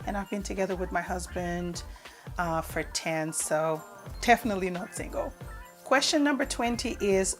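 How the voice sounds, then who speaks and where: A vlogger in her forties, whose first language is Portuguese, films a casual get-to-know-me tag video at home in the UK. In a lowish voice, she chats away, reading out each question and answering it with lots of "um"s.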